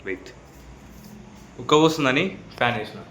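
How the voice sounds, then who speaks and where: A man's voice: medium pitch, animated, fairly quick, sharp tone. Chatty man vlogging in an echoey room. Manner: chatty, joking asides to camera. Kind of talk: casual vlog chat. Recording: echoey room, faint background noise.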